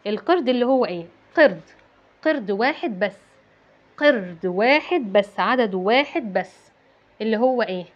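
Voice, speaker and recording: An Egyptian Arabic-accented woman explains a lesson to young pupils in a higher, very animated voice. She keeps asking and then answering her own questions and repeats key words. The recording sounds dull and lo-fi. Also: normal speed. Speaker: English teacher for children. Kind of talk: classroom-style lesson explanation.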